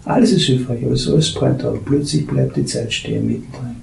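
Casual: guy rambling about spirituality, kinda gravelly, lots of trailing off, echoey room. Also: mid-range voice, slight background noise. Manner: halting, searching for words, drifts from soft murmurs to animated bursts. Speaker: spiritual teacher. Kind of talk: meandering spiritual talk. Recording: echoey room with faint ambience.

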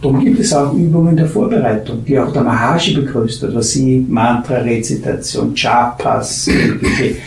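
A man giving a meandering spiritual talk, halting and searching for words, drifting from soft murmurs into animated bursts. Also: mid-range voice, vocal fry. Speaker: spiritual teacher. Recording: echoey room with faint ambience.

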